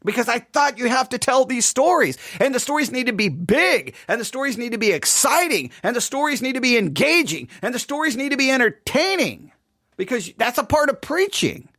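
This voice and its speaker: A man's voice: extremely high pitch, big pitch swings, brisk, pushed and bright, no echo, studio quality. A middle-aged man, a pastor with a West Texas twang, giving a seated teaching talk with emphatic repetition and rhetorical questions. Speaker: pastor speaking at a conference.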